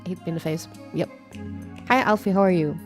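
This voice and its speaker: A woman VTuber chatting casually on a live stream, playful and rambling, with sudden squeaky greetings. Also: a little fast. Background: faint background music.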